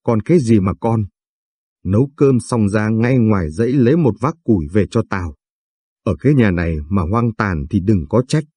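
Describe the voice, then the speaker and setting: A man's voice: on the low side, expressive, normal speed, husky, dry recording, clean studio sound. A man voicing a cruel, foul-mouthed older mother-in-law who scolds and curses in a storybook tale. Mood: scolding. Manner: shouting, abusive, vulgar scolding.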